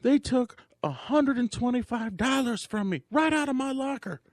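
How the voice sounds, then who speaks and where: A man voicing an angry young woman dancer who shouts and repeats her demands, in a high strained voice. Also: animated, moderate pace, dry recording, studio quality. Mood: furious. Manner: shrill, shouting, repeating herself.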